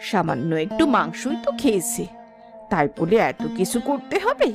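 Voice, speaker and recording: A woman's voice: mid-range voice, wildly swooping pitch, normal speed, music in the background. A woman voicing a gossipy, sympathetic village neighbour in a cartoon, chatty and consoling.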